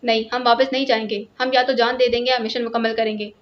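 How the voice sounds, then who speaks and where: A woman's voice: on the high side, little pitch movement, close to an everyday voice. A woman reading as a hot-headed male agent. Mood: angry. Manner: angry, growling. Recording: lo-fi, dull sound.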